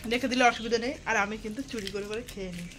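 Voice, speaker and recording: This woman talks very fast in a voice on the high side, giving her viewers a constant stream of commentary as she does housework. The handheld phone follows her indoors and out, picking up plenty of household noise.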